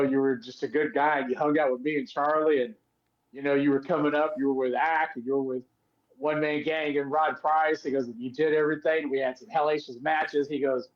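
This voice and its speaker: A muffled recording captures a slightly high-voiced man, a podcast co-host who used to wrestle. Chatting casually, he tells stories with animation and imitates the people he quotes.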